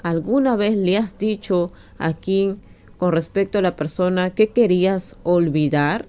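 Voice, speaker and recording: A man's voice: high-pitched, measured pace, warm tone, clear, resonant tone. A woman voicing Daniel, a mocking man who provokes with a laugh in his throat. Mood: taunting. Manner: taunting, chuckling.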